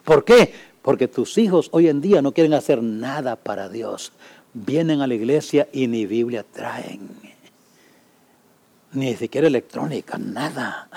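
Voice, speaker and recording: A man preaching a sermon as a pastor, swinging from loud pleading to hushed warnings. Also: medium pitch, expressive, unhurried.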